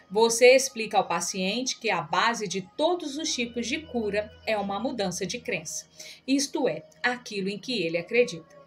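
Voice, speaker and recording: A woman reading an audiobook aloud in a calm, measured narration. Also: fairly high pitch.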